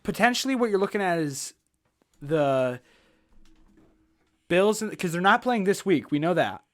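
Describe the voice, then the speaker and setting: A man's voice: high voice, sing-song, measured pace. A man hosting a casual sports podcast, joking with his co-hosts as he leads the segment. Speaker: podcast host.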